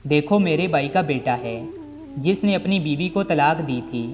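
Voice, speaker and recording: A man voicing a harsh, scheming aunt in a storybook reading, with a shrill, domineering manner. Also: animated, unhurried. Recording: long reverb with background music.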